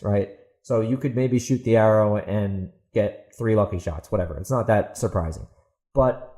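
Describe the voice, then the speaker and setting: A podcast host and author with a mid-range, darkish voice launches into a casual, opinionated rant. He speaks bluntly and emphatically, throwing out incredulous rhetorical questions.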